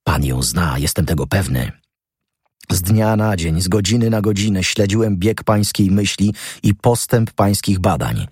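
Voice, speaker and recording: Male reader as a menacing master thief: very low, husky, commanding, dry room. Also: expressive, measured pace, darkish tone, dry recording, exaggerated voice. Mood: insistent. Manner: stern, threatening, commanding. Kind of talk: audiobook character reading.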